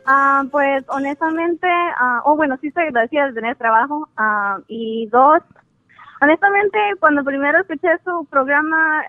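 Female caller, high voice, American-accented Spanish, self-conscious and halting, over a tinny phone line. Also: pushed and bright, no room sound, faint music behind. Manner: hesitant, searching for words, self-conscious about her Spanish. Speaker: caller to an advice show. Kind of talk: casual conversation. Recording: tinny narrowband phone call.

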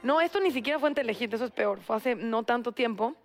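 A young woman with a Mexican accent telling a story in an animated, slangy way in a casual chat. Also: on the high side, fast talker, faint music behind. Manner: animated, slangy, acts out quotes. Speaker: guest storyteller.

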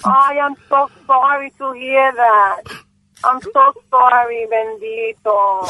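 A woman's voice: sits high, fairly even intonation, drawn-out words, dry recording. A woman on a phone call, switching between Spanish and English with fervent exclamations. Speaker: prank call target.

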